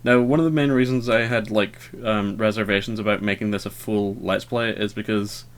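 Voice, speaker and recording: A man's voice: lowish voice, steady tone, brisk. A man giving casual, rambling gameplay commentary, hesitant and full of fillers, with a wry, self-deprecating manner. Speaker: let's player.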